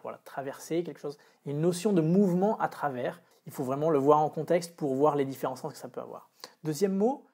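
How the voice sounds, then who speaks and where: A man explaining English pronunciation in a video lesson, relaxed and hesitant, with frequent fillers and restarts. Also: fairly high pitch, slightly rough. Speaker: English teacher.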